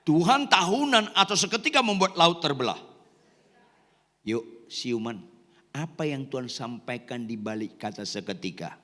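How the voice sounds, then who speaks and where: A male pastor preaching an animated sermon, joking and quizzing his congregation and shouting now and then. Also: mid-range voice, moderate pace, long reverb tail. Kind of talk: lively sermon.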